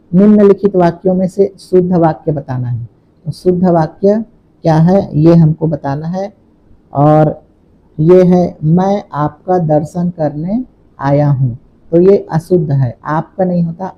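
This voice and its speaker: A man walks through exam questions in a slow, deliberate teaching voice that sits a little high for a man. He repeats the key points step by step, and the sound is slightly dull and lo-fi. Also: a little hiss or hum. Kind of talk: exam question walkthrough lesson.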